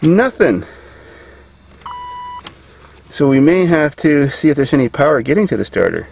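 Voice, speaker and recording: A man's voice: fairly high pitch, normal speed, gravelly, rough recording. A man hosting a hands-on car vlog, giving folksy, joking running commentary outdoors in a grassy farm field on a handheld camera mic. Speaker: car channel host. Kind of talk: casual hands-on vlog narration. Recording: camera audio with steady background noise.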